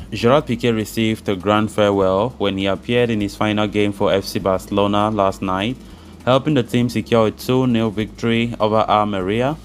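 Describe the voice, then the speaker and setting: A man presenting football news, reading a script and adding his own commentary. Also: on the low side.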